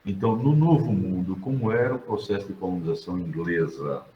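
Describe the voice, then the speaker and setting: Brazilian man, middle-aged teacher, very low voice, roomy muffled classroom sound. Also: a little fast. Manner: digressive, conversational, questions the students. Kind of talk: classroom lecture.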